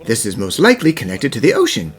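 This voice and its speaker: A man voicing a composed, thoughtful gentleman professor who explains things formally in an animated fan dub. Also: medium pitch, fast talker, husky, faint music behind. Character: gentlemanly puzzle-solving professor, thoughtful, devoted father.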